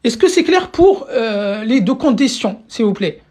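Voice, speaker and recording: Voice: medium pitch, sing-song, a little slow, a little mellow. Patient teacher quizzing a live class. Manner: keeps asking the class questions and checking understanding; repeats words while searching for phrasing. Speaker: Arabic teacher. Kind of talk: live online lesson. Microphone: phone or computer mic on a live stream.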